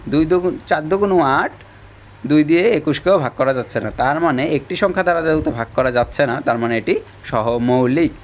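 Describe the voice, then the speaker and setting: A man's voice: on the high side, fast talker. Man giving step-by-step lesson tips. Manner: explains step by step, quizzes with short answers. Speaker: teacher. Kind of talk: quick educational tips.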